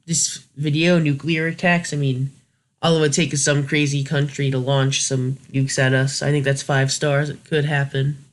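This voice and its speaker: A man who hosts a video review series talks casually and off the cuff in a medium-pitched voice at a moderate pace, with little rise and fall in his pitch. He sounds hesitant, thinking aloud and correcting himself as he goes.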